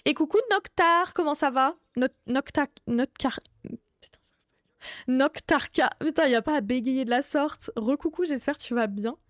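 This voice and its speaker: High-voiced woman streaming a horror game. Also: normal speed, no echo, clean studio sound. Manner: chatty, greets viewers warmly by name, swears casually. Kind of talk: live gaming stream commentary.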